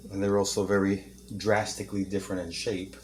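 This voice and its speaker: A man's voice: low voice, level tone, fairly quick, background noise. Chatty man cooking in his kitchen. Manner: chatty, joking, talks while eating. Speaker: home cooking video host. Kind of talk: casual cooking demonstration. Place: home kitchen. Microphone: camera mic, no camera operator.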